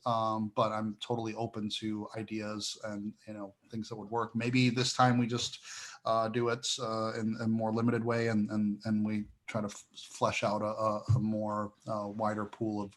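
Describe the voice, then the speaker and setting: A man reports to an online meeting in a fairly low, even voice. He hesitates a lot and fills gaps with ums as he thinks aloud. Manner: hesitant, many fillers and restarts. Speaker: committee member.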